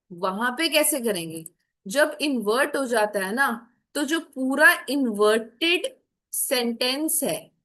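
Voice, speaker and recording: A woman's voice: high-pitched, sharp tone. A woman teaching French grammar in a classroom-style explanation, patiently repeating example sentences in Hindi and English.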